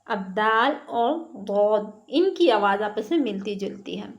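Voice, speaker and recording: A woman teaching Quran letter sounds, drilling syllables slowly one by one and then explaining how each is pronounced. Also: medium pitch, expressive. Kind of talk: slow recitation lesson. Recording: dull lo-fi online lesson audio.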